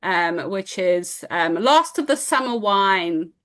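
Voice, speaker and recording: Female host, South African accent, relaxed conversational chat. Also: medium pitch, slow. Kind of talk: casual chat.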